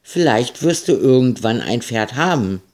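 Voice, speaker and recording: A man's voice: mid-range voice, expressive, measured pace, darkish tone. A man voicing a stern, impatient farm woman who scolds in a grumpy tone.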